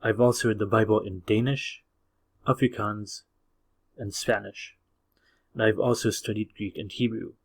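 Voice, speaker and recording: A Hungarian-native man hosts a video, reading a scripted opinion monologue in a measured, explanatory manner and frequently asking the viewer rhetorical questions. His voice is fairly low with fairly even intonation.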